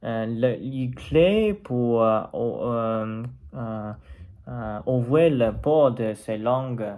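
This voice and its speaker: He talks unscripted in his personal vlog, a man from China whose native tongue is Mandarin and who is learning a new language. His mid-range voice has lively intonation and a slightly mellow quality, though his Chinese-accented speech stalls while he looks for words.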